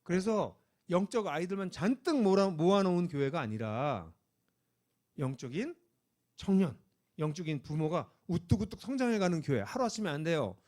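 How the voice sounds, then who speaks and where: Middle-aged male preacher, animated storyteller, fairly high voice that swings widely, rising to emphatic calls. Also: moderate pace. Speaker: pastor. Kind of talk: sermon. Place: church sanctuary.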